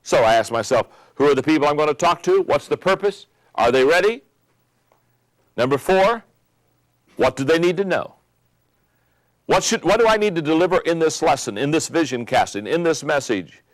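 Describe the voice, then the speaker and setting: An older man giving a motivational leadership lesson, emphatic and repeating key phrases, slowing down for effect. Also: a little high, lively intonation, dry recording. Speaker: leadership teacher. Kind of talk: motivational teaching talk.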